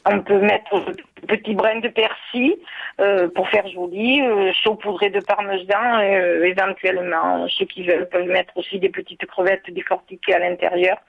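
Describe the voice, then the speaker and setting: A woman's voice: mid-range voice, fairly even intonation, creaky. Woman, Bordeaux-area French accent, hesitant, fillers, tinny phone line. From southwest France. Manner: hesitant, many filler pauses. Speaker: caller. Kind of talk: call-in recipe chat. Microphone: telephone.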